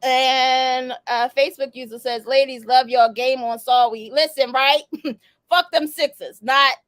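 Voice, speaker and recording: A woman's voice: high voice, fairly even intonation, unhurried, fairly bright tone, no room sound. A woman hosting a casual talk show, slangy and loose, laughing often. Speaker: podcast host. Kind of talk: casual chat.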